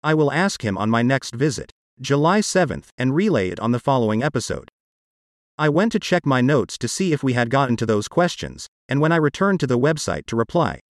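A man's voice: mid-range voice, dry recording, clean studio sound. A man's computer-generated voice, like an old speech synthesizer, reading scripted narration as a podcast host.

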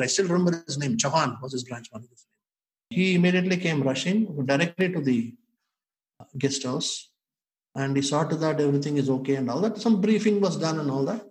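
An older man with an Indian accent telling memories in an animated, emphatic, conversational way, often addressing the listener as sir. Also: on the high side, rough recording. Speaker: former bank inspector telling memories. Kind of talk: conversational storytelling.

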